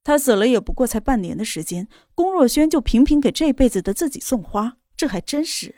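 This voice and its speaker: Woman narrator, steady storytelling, slightly high voice, dry close sound. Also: brisk, dry recording. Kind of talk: scripted novel narration.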